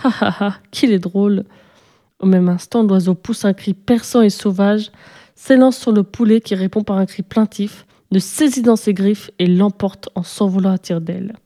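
Casting: a woman reading a children's storybook, warm and mellow, at a steady, even pace. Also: mid-range voice, normal speed. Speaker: narrator.

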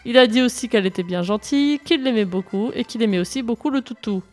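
A woman's voice: fairly high pitch, quick pace, darkish tone, faint music behind, lightly acted. A woman doing a dry little village cobbler. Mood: matter-of-fact. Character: small, dry village cobbler, plain-spoken man.

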